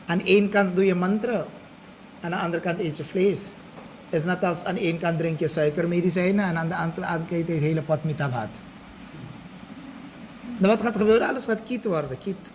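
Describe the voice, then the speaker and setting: High-voiced swami teaching a study group. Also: male voice, slight background noise. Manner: explanatory, checks in with listeners with "ja?" and "toch?"; mixes Hindi and Sanskrit phrases into his talk.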